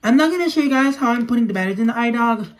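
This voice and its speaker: A young man with an extremely high voice makes a toy video in a small room at home, talking rapid-fire and with animation. He casually narrates his own actions while handling the toys in a hands-on demo, and the noisy home recording has clicks.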